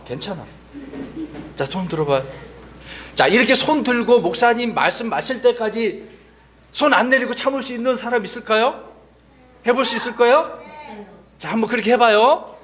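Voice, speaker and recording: A male pastor giving a children's sermon in church, lively and coaxing, talking straight to the kids. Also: extremely high pitch, slight background noise.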